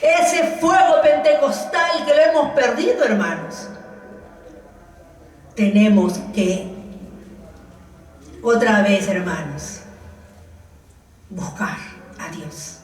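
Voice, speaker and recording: A woman's voice: a little high, takes it slowly, long pauses. An older woman preaching a sermon in a church, often calling her listeners brothers and laughing between points. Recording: echoey church room, voice from the mic's distance.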